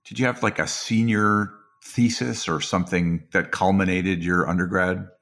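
A man's voice: sits low, fairly even intonation, normal speed, fairly bright tone. A man hosting an interview, asking questions in a conversational style. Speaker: interviewer, podcast host.

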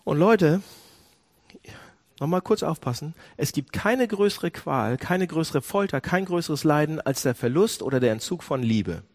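Man preaching with a widely swinging pitch. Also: lively intonation, normal speed. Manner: swings from soft and low to loud and high; asks the congregation direct questions. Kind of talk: sermon.

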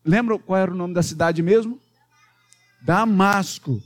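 A pastor with a Minas Gerais accent, his male voice sitting high, tells a Bible story to children at a measured pace. He's animated and playful throughout, with sound effects and questions for the kids.

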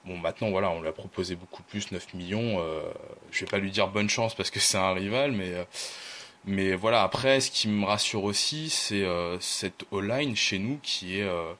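A man's voice: deep voice, moderate pace, a bit bright. A man talking casually on a podcast, thoughtful and hesitant, with many fillers and restarts. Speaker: podcast guest, team fan.

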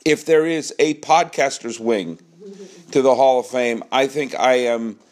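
A man's voice: mid-range voice, measured pace. A man hosting a casual baseball podcast, joking and projecting as he performs. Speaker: podcast host.

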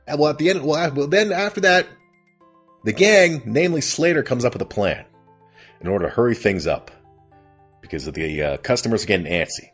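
A man's voice: on the high side, breathy edge. A man hosting a casual comedic recap of a TV episode, rambling and amused at his own retelling. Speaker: host.

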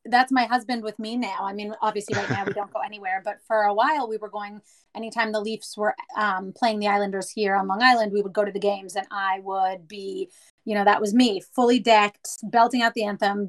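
A woman's voice: medium pitch, level tone, fairly quick, low-quality recording. A woman in her thirties from Canada, chatting casually and telling stories with small restarts. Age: 30s. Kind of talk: casual chat.

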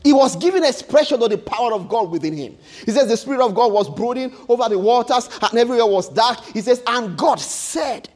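A man's voice: very high voice, expressive, fairly quick, few pauses, a little mellow. A man preaching a sermon in an emphatic, repetitive way, often restarting his words.

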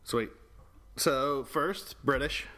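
A man hosting a comedy podcast, relaxed and joking as he prompts his co-host. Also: mid-range voice, very slow. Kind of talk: casual comedy banter.

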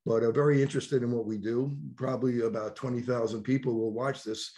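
A middle-aged man with a New York accent, interviewing a colleague in a measured, conversational way. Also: medium pitch, steady tone, mellow. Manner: conversational, measured questions with fillers. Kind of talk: professional interview.

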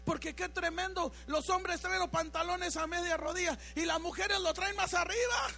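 A woman preaching a fervent sermon, at times rising to a shout. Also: extremely high pitch, moderate pace, vocal fry.

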